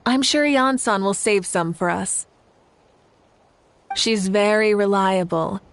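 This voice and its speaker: A woman's voice: mid-range voice, slow pace, no room sound. A woman voicing a poised, kindly young female leader in a video game, speaking in a composed, gracious and assured way. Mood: reassuring. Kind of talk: video game character acting.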